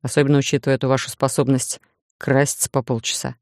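A woman voicing a bossy, jealous young man in a romance audiobook, gruff and grumbling. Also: a bass voice, little pitch movement, fast, a little mellow, dry recording, studio quality, voice pushed down.

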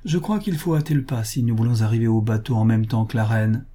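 A man reading the part of a grave young countess in an audiobook, speaking calmly and evenly. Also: fairly low pitch, natural voice. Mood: composed. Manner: calm, measured speech.

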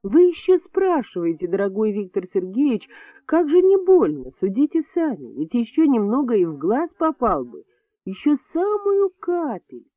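A man reading an audiobook voices a sharp-tongued, sarcastic middle-aged woman on hospital staff, with indignant, shrill rises. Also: big pitch swings, moderate pace, no room sound. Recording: dry, tinny phone-like sound.

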